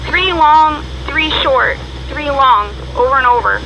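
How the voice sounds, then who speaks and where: A woman with a high voice comes through a marine radio with clear static behind her. She gives short, practical reports in radio style and signs off each one. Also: animated, unhurried. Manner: plain radio reports ending in "over". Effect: heard over marine VHF radio. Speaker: sailor answering the coast guard.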